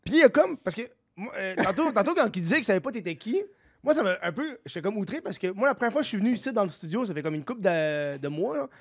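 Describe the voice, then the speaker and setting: Québécois man, high voice, dry studio sound, rambly and cheeky guest. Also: big pitch swings, fast talker, no room sound. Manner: laughing, swearing, rambling. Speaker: podcast guest. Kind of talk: casual chat.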